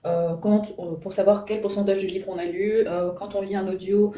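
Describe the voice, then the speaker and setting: A woman's voice: mid-range voice, little pitch movement, normal speed, dark tone, a little hiss or hum. Chatty woman vlogging in a roomy space. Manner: chatty, self-mocking, many hesitations. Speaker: book vlogger. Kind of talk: casual chat to camera. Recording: roomy and a bit distant.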